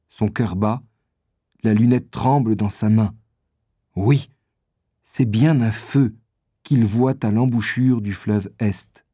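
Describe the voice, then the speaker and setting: Man, children's story narration, slow, mellow, dry close sound. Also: medium pitch, no echo. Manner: measured, storytelling.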